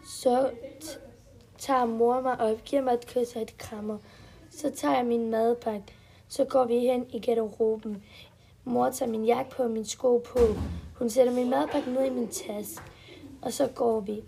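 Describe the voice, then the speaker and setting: A woman's voice: on the high side, steady tone, vocal fry, dark tone, a little hiss or hum. A woman reading a first-person children's story aloud in simple, short, step-by-step sentences.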